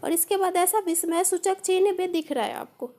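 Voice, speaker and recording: Female grammar teacher, very high pitch, classroom lesson style, leads with questions and answers them herself. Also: brisk, dark tone. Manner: often calls on listeners to look.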